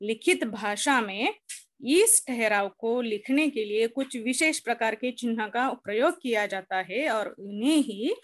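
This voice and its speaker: A woman teacher from India gives an online lesson, going over each point more than once so pupils can follow. Her voice sits fairly high and she speaks at an unhurried, deliberate pace. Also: expressive. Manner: slow, explanatory, repeats each point. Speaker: school teacher. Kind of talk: online lecture.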